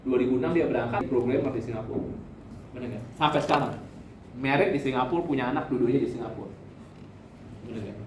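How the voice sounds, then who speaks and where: A man's voice: medium pitch, fast, pauses often. A male university lecturer in his thirties from Indonesia, giving a casual classroom lecture and constantly asking his students if they follow. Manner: chatty, keeps asking "right?". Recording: echoey room from far off, faint noise.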